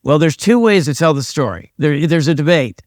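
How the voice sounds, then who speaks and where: A man's voice: a little high, expressive, moderate pace, darkish tone, no room sound, clean studio sound. An older American man, a retired police sergeant and pastor, telling stories in a casual interview with a wry, self-deprecating manner. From United States.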